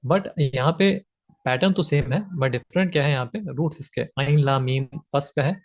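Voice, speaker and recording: A man's voice: mid-range voice, moderate pace. Patient man teaching from slides, lo-fi. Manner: patient, repeats points with fillers. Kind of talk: explaining grammar from slides. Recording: slightly dull lo-fi audio.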